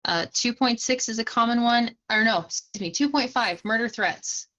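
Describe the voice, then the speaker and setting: A woman's voice: a little high, normal speed, pushed and bright. Brief: young woman, casual streamer explaining rules, chats with viewers, dull lo-fi mic. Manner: chatty, talks to chat mid-explanation, laughs easily. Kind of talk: casual livestream instruction.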